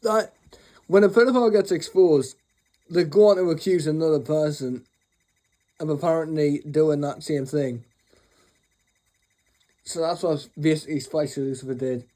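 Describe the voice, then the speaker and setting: A man's voice: a little high, fairly even intonation, normal speed, pauses often, warm tone. A young man telling a rambling, sweary storytime rant, sleepy after just waking up. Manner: rambling, swears freely, mocking. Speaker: channel host.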